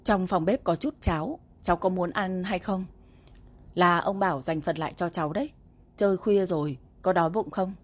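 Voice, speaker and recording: A woman's voice: lowish voice, normal speed, close to an everyday voice. A woman narrator voicing a caring middle-aged housekeeper who fusses over the young ones in an audiobook. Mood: fussing. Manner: gentle, fussing.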